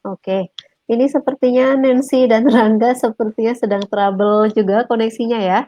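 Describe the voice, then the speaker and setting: A woman's voice: on the high side, fairly even intonation, moderate pace, warm tone, no echo. A woman with an Indonesian accent hosting an online interview, repeating and simplifying words for language learners. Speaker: host, interviewer. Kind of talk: online talk show interview.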